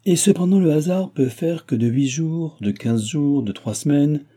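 An excitable, scheming nobleman, as a male narrator plays him, theatrical and insinuating, jumping up in pitch. The voice underneath stays dark and mellow, like a storybook reading. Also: moderate pace, slightly rough.

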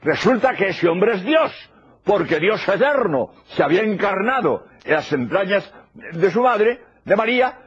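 This elderly preacher from Spain sounds very animated, his high, husky voice unhurried as he emphatically repeats the main phrases of his religious talk. It comes from a murky, low-fidelity old tape recording.

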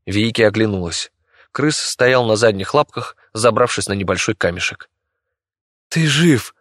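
Low-voiced man narrating a fantasy audiobook. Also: moderate pace, a bit bright, dry recording, studio quality.

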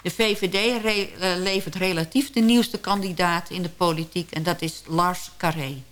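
A woman's voice: fairly low pitch, fairly even intonation, normal speed, fairly bright tone. A woman radio host reading out local news, with hesitations and fillers.

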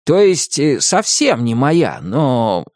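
A man's voice: medium pitch, very animated, slow, darkish tone, dry recording, clean studio sound, pitched above the performer's own voice. A man voicing a shy boy who speaks hesitantly, correcting himself, in a storybook reading. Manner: hesitant, stumbling.

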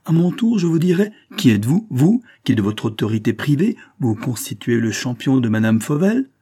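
A man's voice: medium pitch, sing-song, moderate pace, mellow, husky, voice pushed up. A man voicing a sly masked detective who answers with bold, ironic defiance. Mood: defiant.

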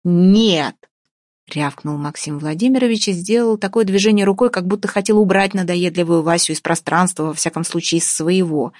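A woman narrating an audiobook in a wry, lively storytelling manner. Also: on the low side, brisk, hardly any pauses, no echo, studio quality. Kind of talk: scripted narration.

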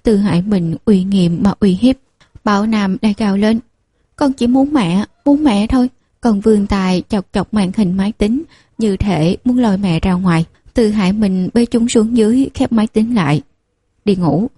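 Husky, dark-voiced woman narrating. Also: mid-range voice, normal speed, dry recording. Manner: steady, even storytelling. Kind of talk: audiobook narration of a novel.

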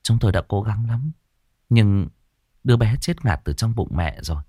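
A calm woman doctor delivers grave news in a gentle, measured way, as a man reads her part. The voice stays close to the storyteller's own, lively in pitch and dry. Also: breathy edge, no room sound. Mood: solemn.

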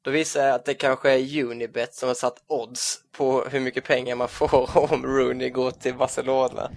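A man's voice: medium pitch, little pitch movement, vocal fry. A man co-hosting a podcast in casual chat, amused and mocking, laughing easily. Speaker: podcast co-host.

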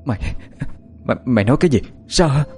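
A man's voice: animated, fast talker, darkish tone, soft background music, natural voice. A man voicing a fat, lecherous middle-aged woman who stammers in panic. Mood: terrified stammering. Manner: stammering, shrill with terror.

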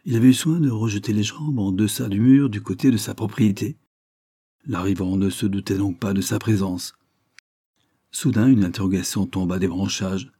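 A man narrating an audiobook in a measured, literary reading style. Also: on the low side, dark tone, husky, no room sound, clean studio sound. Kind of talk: scripted narration.

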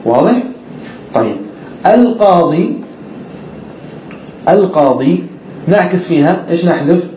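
A man's voice: on the high side, expressive, measured pace, dark tone, reverberant, lo-fi sound, slight background noise. A man teaching an Arabic grammar class, who explains step by step, asks the students questions and repeats the key words.

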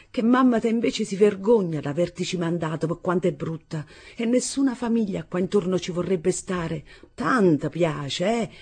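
A woman's voice: medium pitch, dark tone, husky, voice pushed up. A woman reading an audiobook voices a superstitious, scolding middle-aged mother with a dramatic, lamenting delivery.

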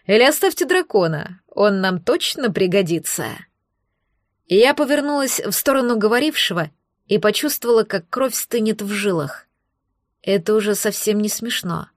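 A woman narrating a first-person fantasy novel, steady and tense. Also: medium pitch, no room sound, clean studio sound. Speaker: audiobook narrator.

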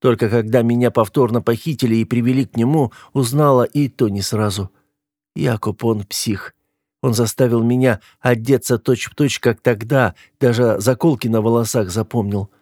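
A man's voice: medium pitch, fairly even intonation, normal speed, darkish tone, no echo, studio quality, natural voice. A man reading an audiobook voices a frightened, tearful young woman, pleading with a raised voice.

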